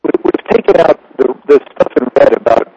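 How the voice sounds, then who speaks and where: A man chairing a meeting and reading motions aloud, his voice breaking up and sounding underwater over a bad phone connection, with halting fillers and restarts. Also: a little high, animated, breathy edge. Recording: muffled lo-fi phone line.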